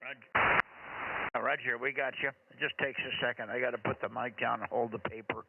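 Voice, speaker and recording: A man running an amateur radio net over two-way radio, chatty and rambling, with hesitant pauses between call signs. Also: medium pitch, steady tone, gravelly, phone-quality sound. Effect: two-way radio transmission. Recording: thin crackly radio, loud static and clicks.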